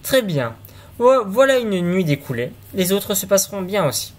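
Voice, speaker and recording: A man voicing a carefree, fearless young man in a read-aloud fairy tale, with a lighter, higher voice than his narration. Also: very animated, normal speed. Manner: carefree, cheeky. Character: fearless cheerful young man seeking fright.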